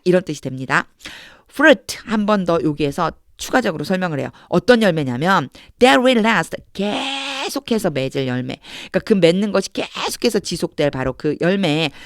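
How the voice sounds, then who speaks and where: A woman teaching English grammar through Bible verses, explaining each step patiently and reading the English phrases slowly. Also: fairly low pitch, dry recording, clean studio sound.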